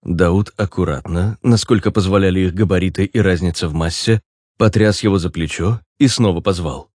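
Low-voiced male audiobook narrator. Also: normal speed, a little mellow, no room sound, studio quality.

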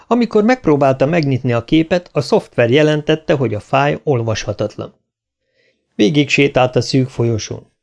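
A man reading a science fiction audiobook in an even, clear narration. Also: mid-range voice. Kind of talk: scripted narration.

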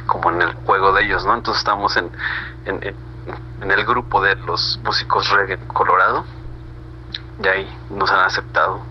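With a deep, level voice at normal speed, a Mexican man answers questions as a band member during a remote internet call. He's casual, slangy, and rambling, leaning on tag questions, and the video call is muffled and noisy.

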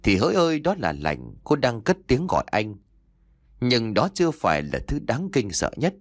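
A man narrating an audio story in a dramatic, expressive storytelling manner. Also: medium pitch, moderate pace, dry recording, studio quality. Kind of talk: scripted narration.

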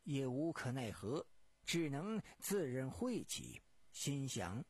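A man narrating a serialized detective story for radio in an expressive, drawn-out storyteller manner with sighs, recorded in a dry, close studio. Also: mid-range voice, husky, no room sound.

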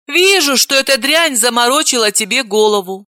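A woman's voice: on the high side, lively intonation, normal speed, sharp tone, dry recording, studio quality, voice pushed up. A woman reading an audiobook, voicing a stern woman in her thirties who scolds her young nephew. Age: 30s.

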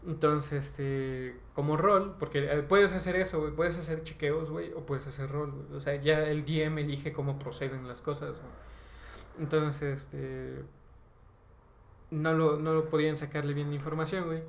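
A podcast host with a Mexican accent casually retells a tabletop game session in a slightly high voice with vocal fry and a moderate pace. His rambling, animated account is slangy and full of fillers, often ends phrases with "güey," and breaks into bursts of laughter. The recording has a roomy echo, faint background ambience, and slight noise.

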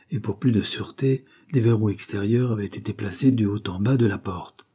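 Man narrating an old novel, low dark voice, kinda husky. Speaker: audiobook narrator.

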